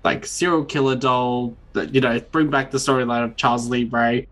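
A man chatting as a podcast co-host, rambling from one thought to the next with casual swearing. He acts out the people he quotes. His voice sits in an ordinary middle pitch. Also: steady tone, normal speed, a bit bright. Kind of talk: casual chat.

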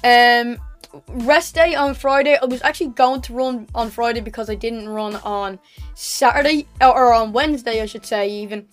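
A woman's voice: a little high, normal speed, soft background music. A young woman with an Irish accent giving a casual, chatty, matter-of-fact recap as a running vlogger, often correcting herself. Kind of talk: casual training recap to camera.

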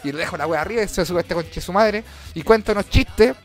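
A man with a Chilean accent, a comedian hosting a casual show, telling stories in an animated, slangy and profane way. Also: high-pitched, a little fast, faint music behind. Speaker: comedian host.

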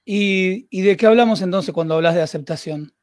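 A man's voice: high voice, fairly quick, darkish tone, dry recording, clean studio sound. Man, Rioplatense accent, live interview host, conversational, reads comments. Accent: Rioplatense Spanish.

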